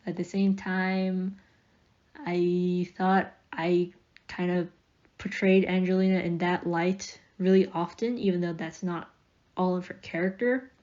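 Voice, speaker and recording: A woman's voice: lowish voice, fairly even intonation, unhurried, darkish tone, dull audio. A young woman casually narrating a speedpaint voiceover, chatty and rambling, with fillers and light laughs. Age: young adult.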